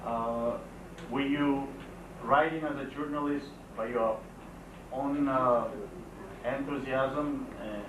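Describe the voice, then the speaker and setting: Guy in the audience asking a question, halting, far from the mic in an echoey noisy hall. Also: mid-range voice, steady tone. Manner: halting, searching for words.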